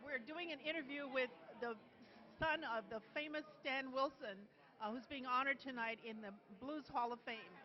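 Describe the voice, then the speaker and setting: A woman interviewing guests at an event, asking soft, encouraging questions. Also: sits high, normal speed, faint music behind. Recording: muffled lo-fi video sound.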